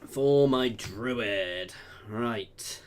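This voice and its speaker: A gameplay video creator with a lowish voice talks very slowly while playing a strategy game, faint music behind him. He chats casually with viewers, thinks aloud and reads out chat messages.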